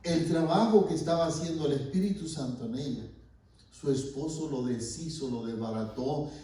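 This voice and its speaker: A man preaching as a pastor, telling stories, swinging between loud emphasis and hushed asides. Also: fairly high pitch, moderate pace. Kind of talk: sermon. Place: church sanctuary. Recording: echoey church hall from far off.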